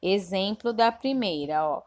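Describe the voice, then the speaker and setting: Woman teacher, unhurried recorded lesson for young children, patient and repetitive. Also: mid-range voice, expressive, a little mellow. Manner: patient, repeats instructions with frequent checks; spells sounds slowly and clearly. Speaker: primary school teacher. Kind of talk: recorded remote class lesson.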